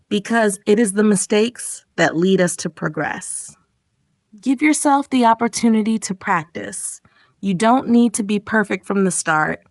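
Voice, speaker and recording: A woman giving scripted, encouraging narration for an English speaking lesson, measured and earnest. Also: medium pitch, no room sound, clean studio sound. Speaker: English teacher.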